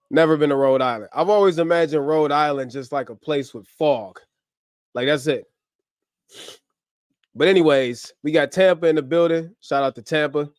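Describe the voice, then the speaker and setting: A man hosting a casual livestream from home, upbeat and slangy as he gives shout-outs to viewers, a little short on sleep. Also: fairly high pitch, no room sound, studio quality. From US, grew up in Ohio. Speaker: livestream host. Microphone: camera mic on a livestream setup.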